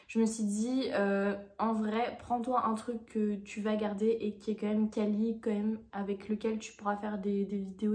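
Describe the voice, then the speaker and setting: A woman's voice: mid-range voice, mellow. A young woman from France chatting casually as she unboxes a new camera, rambling with many fillers. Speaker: vlogger.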